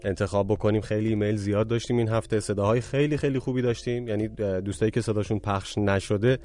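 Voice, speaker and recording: Male radio co-host, lowish voice, friendly and conversational, casual with fillers. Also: steady tone, mellow.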